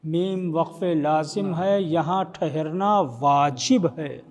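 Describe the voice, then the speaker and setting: High-voiced maulana in an echoing hall. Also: male voice, darkish tone. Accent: Indian Urdu. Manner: explains rules, quizzes listeners, breaks into slow melodic chanting. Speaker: maulana teaching Quran recitation. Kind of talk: religious lesson with chanted Quran recitation. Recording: long reverb in a hall.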